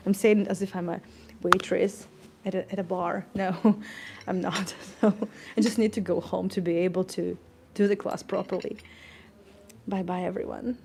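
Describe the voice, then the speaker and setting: Chatty woman, gravelly voice, noisy stream. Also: mid-range voice, level tone, moderate pace. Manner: chatty, grateful, laughs often, stumbles over words. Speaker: tour guide vlogger. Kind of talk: casual live-stream chat. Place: cozy indoor garden café.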